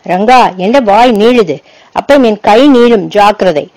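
A woman's voice: medium pitch, animated, measured pace, darkish tone, no echo, close to an everyday voice, low-quality recording. A woman reading a story aloud, voicing a bold teenage schoolgirl who coaxes and pleads. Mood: firm. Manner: coaxing, pleading.

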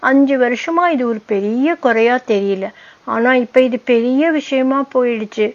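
A tearful young wife pours out her hurt to her father, as a woman narrator voices her. She pleads between sobs, her voice soft and fairly high. It is a spoken storybook reading. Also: a little slow, lo-fi sound, close to an everyday voice. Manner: sobbing, pleading.

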